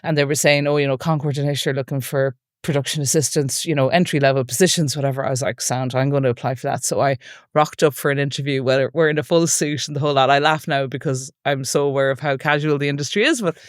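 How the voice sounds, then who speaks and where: A film producer in her forties from the west of Ireland, an Irish speaker with an Irish accent, is a guest on a relaxed podcast interview. Her voice is extremely low and steady, quick-paced, recorded with no echo at studio quality. She tells chatty stories packed with asides and plenty of "like" and "you know."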